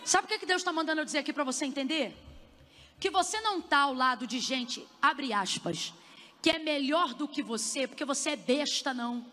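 Woman, preacher, fervent sermon, high ringing voice, long hall reverb. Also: animated, brisk, slight background noise. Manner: impassioned, building to shouts. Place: conference hall.

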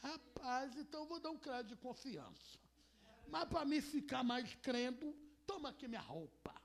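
A woman preacher with a deep gravelly voice voicing King Saul, a doubtful older king, in a sermon retelling. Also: expressive, moderate pace. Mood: grudging.

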